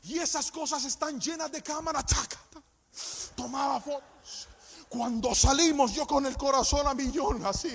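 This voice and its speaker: High-voiced man preaching in an echoey church. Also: brisk. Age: adult, married with a child. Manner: animated, sing-song preaching cadence with shouted peaks. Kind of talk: sermon with personal storytelling. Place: church service.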